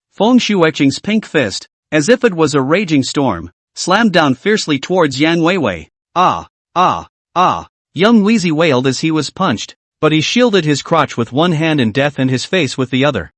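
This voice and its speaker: A man's voice: on the high side, no room sound. A man narrating a comic-book story recap in a dramatic scripted way, voicing the sound effects.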